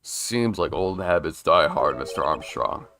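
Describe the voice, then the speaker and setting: A man's voice: extremely low pitch, animated, a little slow, gravelly, fairly bright tone, slight background noise, full character voice. A man reading the lines of an earnest young male defense lawyer in a plain, accusatory way. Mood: accusing.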